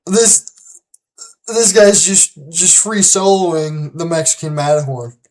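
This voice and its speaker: On a rough recording, a fight-prediction channel's host gives laid-back solo commentary, speaking slowly and drawn-out at a middle pitch. Restarts and repeated words fill the loose speech, which becomes confident and emphatic each time a prediction is made.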